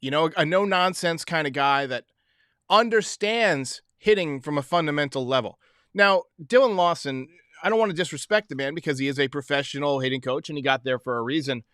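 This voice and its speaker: A man with a fairly high, sharp-edged voice delivers casual sports commentary as a podcast host. He is emphatic and opinionated, and the sound is dry. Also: fairly quick, no echo.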